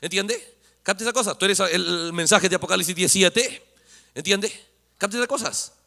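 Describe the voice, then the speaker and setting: An emphatic male preacher delivers a sermon, often stopping to ask whether his listeners understand and rising to shouts on key points. His voice is high and sharply bright. It rings through a church with a long reverb. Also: moderate pace, creaky. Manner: emphatic, keeps asking "understand?". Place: church sanctuary.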